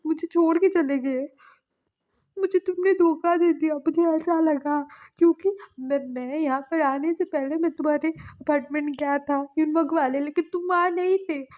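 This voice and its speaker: A woman voicing an upset young man in a spoken storybook, tearful and quick to scold. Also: mid-range voice, breathy edge, dull audio, natural voice. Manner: scolding, crying outbursts.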